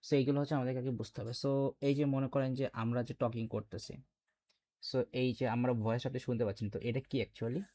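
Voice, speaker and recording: A man's voice: mid-range voice, fairly even intonation, fast, dark tone. A man teaching a computer class, explaining step by step and quizzing his students with questions. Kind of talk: classroom lecture.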